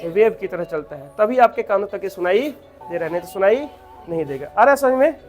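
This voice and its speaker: A man teaching a physics class. He asks the students questions and answers them himself, and dictates notes slowly with many repetitions. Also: high voice, animated, faint music behind.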